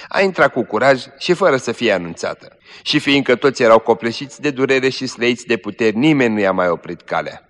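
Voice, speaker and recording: A man's voice: fairly low pitch, a bit bright. Man reading a sermon story in an echoey hall. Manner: measured storytelling, earnest appeal. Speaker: preacher. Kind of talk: sermon with read-aloud story.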